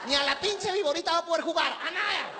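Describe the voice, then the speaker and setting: A man doing a shrill, furious flight attendant. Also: expressive, fast talker, crowd noise, background noise. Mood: scolding. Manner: shrill, scolding, profane. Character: irate swearing female flight attendant.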